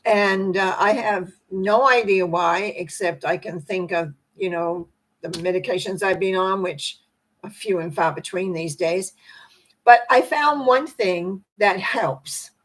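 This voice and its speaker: An older woman hosting a spiritual personal-growth talk, her voice hoarse and croaky, cracking now and then as she clears her throat, speaking in a rambling, conversational way. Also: mid-range voice, unhurried, poor audio. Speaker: host.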